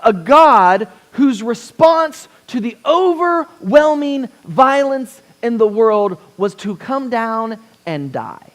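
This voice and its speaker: A young man delivers a chapel sermon as a pastor, his voice pitched high for a man. He talks loosely and personally, full of self-deprecating jokes and quick "right?" check-ins with the listeners. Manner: conversational, self-deprecating humor with frequent "right?" asides. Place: university chapel.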